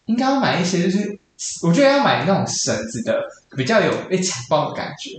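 Lower-voiced woman with loud laughs. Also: very animated, quick pace, a little hiss or hum. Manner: laughs loudly, chimes in with short replies. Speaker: podcast co-host. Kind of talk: casual chat. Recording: echoey room, distant mic.

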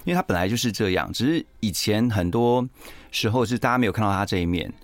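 A man's voice: on the low side, lively intonation, quick pace, no echo. A middle-aged man, a guest author on a radio interview, telling chatty stories about his family. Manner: chatty storyteller, quotes family.

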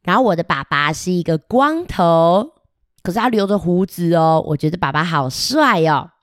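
Lightly acting in a lowish, animated voice, a woman reads a children's picture book as a chatty boy about to begin kindergarten. She speaks at normal speed to the listening kids, cheerful, boastful, playful and full of giggles. The studio-quality audio carries no room sound.

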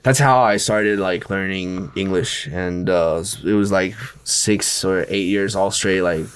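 A man's voice: low voice, steady tone, unhurried, clear, resonant tone. A young man from Taiwan hosting a podcast in a casual, loose conversational way, full of "like" and "you know". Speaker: podcast host.

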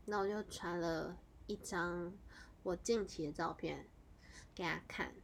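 A woman, hosting a podcast and casually telling a story in a chatty, animated way, running her clauses together with fillers. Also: a little slow, gravelly, slight background noise. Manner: animated, jumps into high excited exclamations. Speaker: podcast host.

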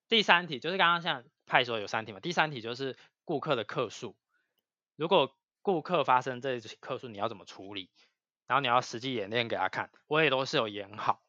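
A man talks quickly in casual podcast chat, his voice bright and forward. He is animated and swears freely. The sound is dry and a little dull and lo-fi. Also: medium pitch, dry recording. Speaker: podcast co-host.

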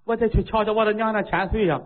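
A man voicing a frantic, weeping king in a storytelling performance, talking in a rushed, wailing voice. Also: on the high side, sing-song, husky, narrow, tinny audio, heavily acted. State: crying.

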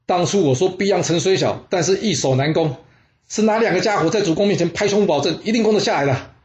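A man's voice: high voice, fast, reverberant, dull audio, natural voice. A man voicing a furious male army commander scolding his officers in a raised, rising voice. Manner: shouting, table-pounding rebuke.

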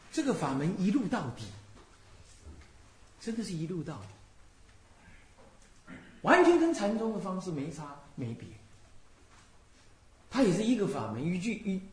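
A Buddhist abbot from Taiwan teaches in a lively, swooping voice that sits a little high for a man. He keeps putting rhetorical questions to his listeners and sometimes quiets down to show how to chant. The recording is echoey, with faint noise behind him. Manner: animated lecturing, asks listeners rhetorical questions, softly demonstrates chanting. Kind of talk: dharma lecture.

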